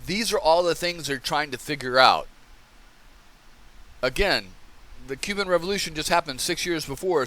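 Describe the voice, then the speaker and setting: Middle-aged man musing aloud. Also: medium pitch. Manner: conversational, keeps asking "okay?", acts out scenes loudly. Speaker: podcast host. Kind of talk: casual commentary monologue.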